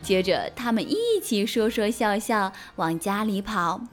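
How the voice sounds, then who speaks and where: A woman reading a children's story aloud as a storytelling mother, in a gentle, animated way. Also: medium pitch, unhurried, faint music behind.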